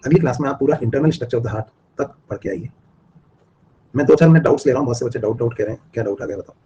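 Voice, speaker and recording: A man's voice: medium pitch, fast, dark tone, highs cut off, slight background noise. A man teaching a live online biology class, repeating and drilling his points and asking students questions. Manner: repetitive, drilling explanations, asks students questions.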